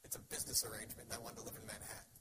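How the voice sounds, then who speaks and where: A man's voice: on the low side, completely flat delivery, racing. A man telling a rambling, crude, self-mocking personal story in a casual way. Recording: loud background noise.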